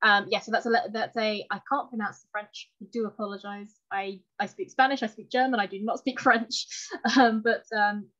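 Speaking at normal speed with hardly any pauses, this woman has a mid-range, fairly bright voice and fairly even intonation. Her chatty, self-deprecating talk on fountain pens is given from a room at home over a video call, its microphone producing dull lo-fi sound.

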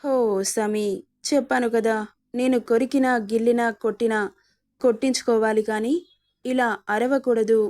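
A woman's voice: on the high side, level tone, moderate pace, long pauses, warm tone, close to an everyday voice. A woman reading a storybook, voicing a cruel and mocking young husband with a menacing, taunting manner.

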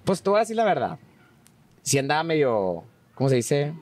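A man's voice: a little fast, dry recording. A man, a podcast guest chatting casually and telling stories with lots of "verdad". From Monterrey, Mexico. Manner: animated, acts out quoted voices with rising pitch; frequent fillers like "¿verdad?". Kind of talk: casual conversational storytelling.

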